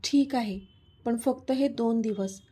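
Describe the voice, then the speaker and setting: A woman voicing a protective young man in a love story, talking softly but turning stern when he gets angry. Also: on the high side, measured pace, husky. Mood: annoyed. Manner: soft and pleading, then stern. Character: young man, lover, protective and quick to anger.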